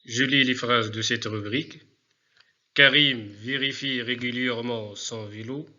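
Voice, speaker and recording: Guy teacher reading out a spelling lesson, slow careful dictation, kinda dull lo-fi audio. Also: mid-range voice, fairly even intonation, sharp tone. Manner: slow, deliberate classroom dictation, repeating words. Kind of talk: remote French spelling lesson.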